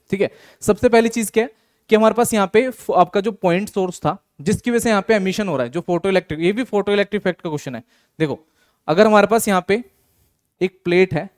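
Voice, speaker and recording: High-voiced Indian physics teacher. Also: male voice. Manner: talks students through problems with repeated rhetorical questions; reads English question text slowly. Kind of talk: exam solution walkthrough lesson.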